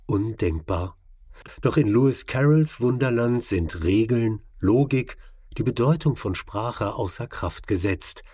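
A man narrating a scripted documentary in a measured, even way. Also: mid-range voice, breathy edge, no room sound, clean studio sound.

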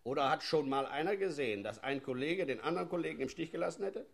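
With a gravelly, slightly high voice and a fast pace, an actor in a satirical sketch gloats as an overeager male riot policeman who delights in force. His performance is leering and lively.

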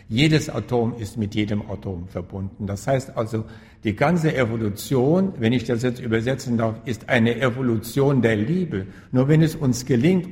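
A man's voice: mid-range voice, a little mellow. Man, spiritual teacher, interview guest, emphatic, repeats for stress, long hall reverb. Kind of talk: reflective interview answers.

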